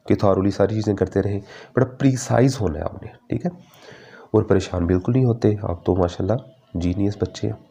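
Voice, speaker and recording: Low, mellow-voiced male chemistry teacher. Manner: fatherly, calls students "beta", mixes English terms; slows to read English syllabus lines. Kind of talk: exam-prep syllabus lecture.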